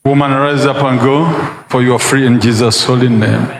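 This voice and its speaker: A man's voice: medium pitch, fairly even intonation, moderate pace, gravelly. A man leading a deliverance prayer in a commanding manner, in a large church hall. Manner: commanding, shouted bursts. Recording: echoey church hall, noisy.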